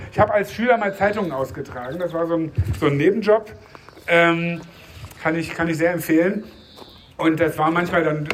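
High-voiced man preaching to a congregation. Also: a little hiss or hum. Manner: conversational, asks the audience questions. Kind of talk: Bible reading and sermon.

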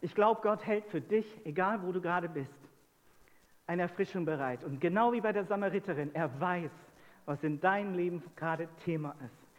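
High-voiced preacher in a reverberant hall. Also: male voice, moderate pace, lo-fi sound. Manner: asks the congregation many rhetorical questions. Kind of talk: sermon.

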